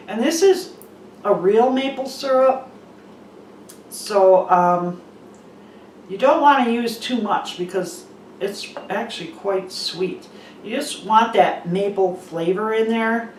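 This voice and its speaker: Middle-aged woman, easygoing home-cook host, casual demo delivery; roomy echo, distant mic. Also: mid-range voice. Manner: easygoing, informal. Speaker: cooking video host. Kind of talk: casual recipe demonstration. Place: echoey half-packed home kitchen. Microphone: camera mic from a distance. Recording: echoey kitchen, distant mic, background noise.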